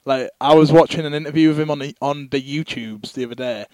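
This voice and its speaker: Rambling man, slightly high voice. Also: fast, a little mellow, dry recording, poor audio. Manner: rambling, swears casually. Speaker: podcast co-host. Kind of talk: casual chat.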